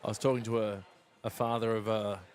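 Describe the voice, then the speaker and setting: A man's voice: fairly low pitch, flat delivery, fairly quick, a little hiss or hum. A man as co-commentator, chatting and telling stories between points. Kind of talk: live sports commentary.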